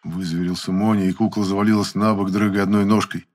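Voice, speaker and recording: A man with a very low voice narrates a first-person audiobook at a quick pace. His delivery is wry and even, in a storyteller's steady style.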